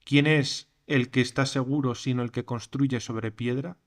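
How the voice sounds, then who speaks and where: A man's voice: mid-range voice, fairly even intonation, a little slow. Man reading an old sermon aloud. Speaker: reader of a recorded sermon text.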